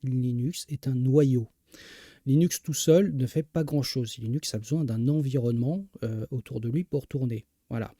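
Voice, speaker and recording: A man's voice: mid-range voice, normal speed, mellow, no room sound, clean studio sound. A man hosting a casual tech news live stream, talking hesitantly with many filler sounds and restarts, and greeting viewers from the chat.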